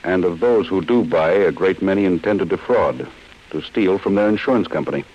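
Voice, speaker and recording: In an old-time radio detective serial, an American-accented male actor plays a cold, relentless chief insurance investigator. His low voice is stern, deliberate and commanding, and the recording has the muffled, hissy sound of an old radio broadcast.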